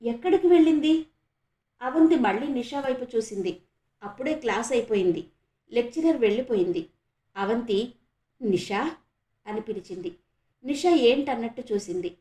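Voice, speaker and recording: Woman from andhra pradesh, audiobook narrator, steady measured reading, high mellow voice, echoey room. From Andhra Pradesh, India. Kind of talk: scripted novel narration.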